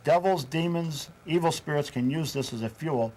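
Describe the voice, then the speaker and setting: A man being interviewed as a paranormal investigator, telling events in a measured way with hesitant fillers. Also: fairly high pitch, darkish tone, slight background noise, rough recording. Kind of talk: interview storytelling.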